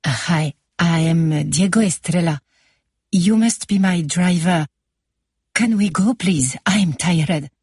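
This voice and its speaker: A woman voicing an arrogant man in his thirties who speaks English with a strong Spanish accent, slow and drawling. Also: lowish voice, a little mellow, breathy edge, dry recording, studio quality, exaggerated voice. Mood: smug. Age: 30s. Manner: slow, drawling, self-assured. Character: arrogant young Spanish man, tired and smug.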